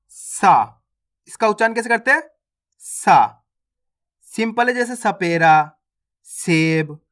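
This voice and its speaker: A man's voice: high-pitched, fairly bright tone. A man teaching the Hindi alphabet online, drilling each syllable and asking the viewer how to pronounce it.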